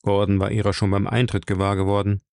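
A man narrating an audiobook in a steady, dramatic storytelling manner. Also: fairly low pitch, quick pace, creaky, dry recording, studio quality. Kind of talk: scripted narration.

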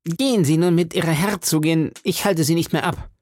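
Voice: medium pitch, fairly quick, a little mellow, no echo, studio quality, voice pushed up, lightly acted. A reader voicing a vain, boastful male musketeer who speaks pompously and pities himself in an audiobook. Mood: affronted. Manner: pompous, self-pitying. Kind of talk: audiobook character reading.

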